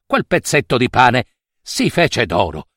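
A man narrating a story in an expressive way, speaking directly to his listeners. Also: medium pitch, unhurried, husky, no room sound, clean studio sound.

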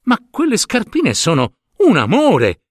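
A man voicing a gentle, doting noblewoman mother in a storybook reading, sweet and coaxing. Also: high voice, wildly swooping pitch, measured pace, no room sound, clean studio sound, pitched above the performer's own voice, full character voice.

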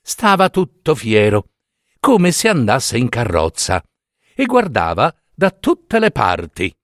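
A man reads a fairy tale aloud, taking his time. His pitch rises and falls with the story. The recording is dry and close. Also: dry recording. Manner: unhurried, expressive storytelling. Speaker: narrator. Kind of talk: scripted fairy-tale narration.

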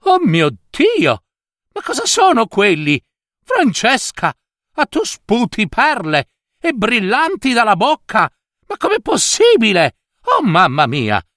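Storybook stepmother, greedy and bossy, very high and shrill, put on by a man. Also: very animated, a little slow, pushed and bright, no room sound, studio quality, exaggerated voice. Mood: shocked. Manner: shrill and scolding, exclaiming.

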